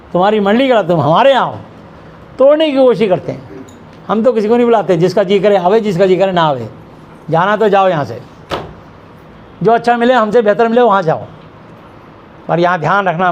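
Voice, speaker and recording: A man's voice: sits high, slight background noise. A middle-aged man pastor delivering an emphatic sermon in a church hall, asking rhetorical questions and answering them himself.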